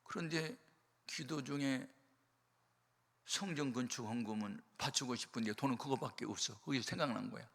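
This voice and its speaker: An older male pastor preaching a sermon, telling a story with emphatic swings from quiet to loud. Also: medium pitch, moderate pace, creaky. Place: church or prayer hall. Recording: long hall reverb.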